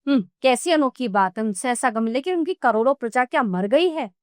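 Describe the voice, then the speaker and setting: A woman's voice: on the high side, animated, brisk, no room sound, clean studio sound, lightly acted. A woman voicing a proud young noblewoman who haughtily defends an emperor's might. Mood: indignant. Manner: haughty, indignant.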